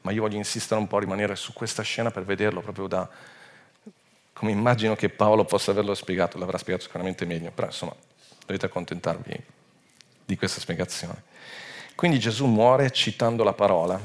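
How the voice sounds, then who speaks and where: A man preaching a Bible sermon, expressive, rising to loud emphatic peaks and sinking low and quiet, often restarting words mid-phrase. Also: fairly quick.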